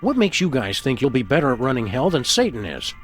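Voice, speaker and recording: An easygoing, folksy detective hound from a video game, voiced by a man. His mid-pitched voice moves in very wide, earnest swings, with music underneath. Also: sing-song, quick pace, natural voice. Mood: questioning. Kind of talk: video game character acting. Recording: music behind the voice.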